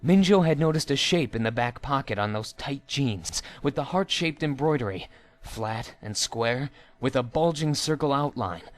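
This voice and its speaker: A man reads a written story aloud in an expressive mid-range voice at a moderate pace. He performs it theatrically and dramatically, like an amateur storyteller.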